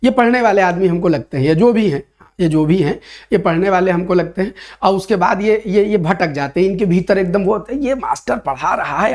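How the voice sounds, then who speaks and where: A man teaching a Hindi grammar class for an exam, lively and playful, reading out comments and answering them. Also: high-pitched. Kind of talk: online exam-prep class.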